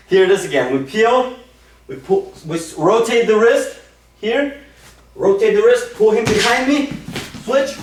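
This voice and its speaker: A man's voice: high voice, recorded from a distance, background noise. A man coaching wrestling moves in a demo, enthusiastic and full of "okay?" and "super" as he talks students through each step. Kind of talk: instructional technique demo. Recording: echoey room, speaker off-mic.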